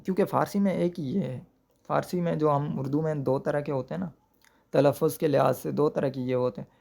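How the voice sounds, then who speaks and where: A man's voice: fairly high pitch, steady tone, creaky, darkish tone. A man teaching Persian grammar patiently, repeating each word and asking rhetorical questions. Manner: checks understanding with rhetorical questions. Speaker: language teacher.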